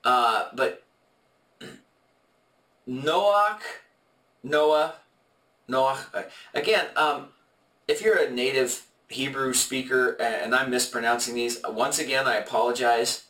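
Male podcast host walking through scripture, bright forward tone, stop-start delivery, recorded far off in an echoey room. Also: medium pitch. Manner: halting and explanatory, many fillers and restarts. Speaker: podcast co-host leading a Bible study. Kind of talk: conversational Bible study teaching. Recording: echoey room, mic at a distance.

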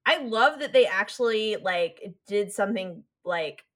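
A woman's voice: mid-range voice, lively intonation, a little slow, fairly bright tone. A woman co-hosting a podcast, chatting casually and rambling with many fillers. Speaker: podcast co-host. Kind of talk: casual chat recapping an anime.

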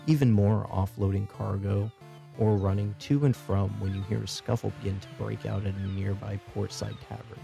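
A man narrating a tabletop game as game master, in steady, descriptive narration. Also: on the low side, moderate pace, creaky, faint music behind.

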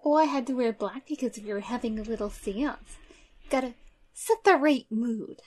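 A woman's voice: a little high, normal speed, darkish tone, lightly acted. A woman playing a cheerful, chatty small-town lady in a radio comedy drama, with chirpy, folksy politeness.

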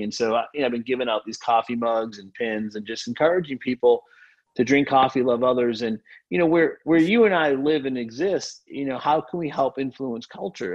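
A man's voice: mid-range voice, muffled recording. A man who grew up in Haiti, talking earnestly as a podcast guest about faith and generosity, full of fillers and restarts. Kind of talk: casual faith conversation.

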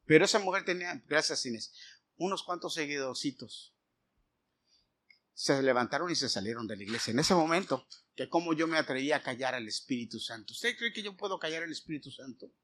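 A middle-aged man with a slightly high voice preaches a sermon at a brisk clip. He tells a personal story with animation, acting out the dialogue.

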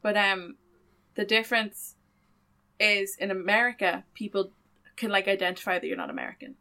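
Bright-voiced woman, teasing. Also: mid-range voice, lively intonation, gravelly. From Ireland. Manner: chatty, teasing, quick to laugh. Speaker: podcast co-host. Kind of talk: casual chat. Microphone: headphones, studio mic.

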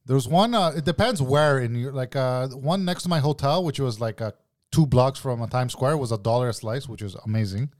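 A man's voice: medium pitch, expressive, fairly quick, darkish tone, no echo, studio quality. A man chatting casually as a podcast co-host, with slangy, sweary frat-bro banter. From Quebec, Canada. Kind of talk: casual chat.

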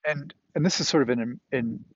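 A man's voice: mid-range voice, normal speed, slightly rough, no room sound, muffled recording. A man preaching a sermon in a conversational way, with fillers and emphatic repetition. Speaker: pastor.

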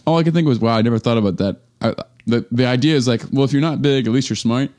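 A man's voice: medium pitch, fast, a little mellow. A man co-hosting a casual comedy podcast, joking in a self-deprecating way. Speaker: podcast co-host.

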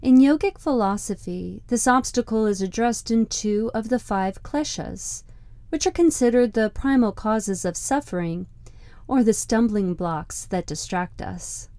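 A woman podcast host reading a scripted reflective monologue in a measured, deliberate, contemplative way. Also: on the high side, warm tone, no room sound. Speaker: podcast host and meditation guide.

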